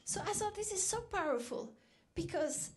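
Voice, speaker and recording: A woman's voice: expressive, normal speed. Woman giving a keynote. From Norway. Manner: reflective storytelling, lifts pitch when quoting herself. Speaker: keynote speaker. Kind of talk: dinner keynote speech.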